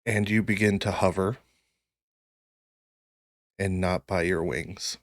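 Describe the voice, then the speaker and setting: Deep-voiced, unhurried male game master. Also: fairly even intonation, dry recording, studio quality. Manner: dramatic, deliberate storytelling in short phrases. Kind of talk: narrating a tabletop fantasy game.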